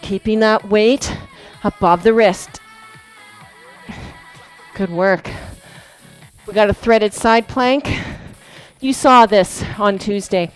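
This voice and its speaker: Chatty, slow-paced woman coaching a workout. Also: medium pitch, poor audio. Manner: encouraging, chatty, laughs often; demonstrating moves while talking. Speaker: fitness instructor. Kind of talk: guided workout instruction. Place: fitness studio. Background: background workout music.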